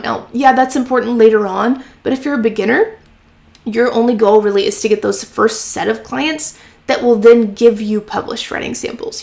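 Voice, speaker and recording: An encouraging woman answers viewer questions on a live stream from her home office, her voice a touch high and full of vocal fry. She talks in a loose, chatty way, full of "um" and "like," and sounds a little hoarse after talking a long time. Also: darkish tone. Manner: chatty and encouraging, many fillers like "um" and "like". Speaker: host of a freelance writing live stream.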